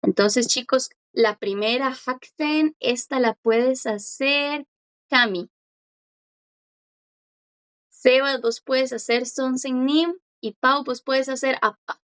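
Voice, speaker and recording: A woman teaching a language class online, patiently explaining and slowly repeating words for her students. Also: high-pitched, a bit bright, muffled recording.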